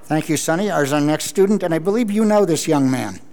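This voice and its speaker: A man with a slightly high voice hosts a radio session in a school hall, using formal call procedure. The room rings with reverb and the noise is very loud. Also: animated, fairly quick. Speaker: radio operator hosting a school question session.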